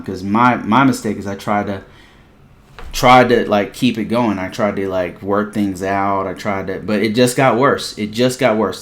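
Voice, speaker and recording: A man with a somewhat low voice hosts a casual live stream. He talks in a loose, rambling way, full of fillers and repeated phrases. He speaks straight to his viewers as he tells a story and hands out blunt advice.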